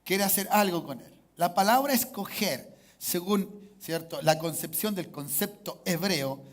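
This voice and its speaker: A Chilean man with a Chilean Spanish accent, preaching a sermon as pastor, calling for amens and swinging between hushed asides and loud exhortation. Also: high-pitched, lively intonation, a little slow.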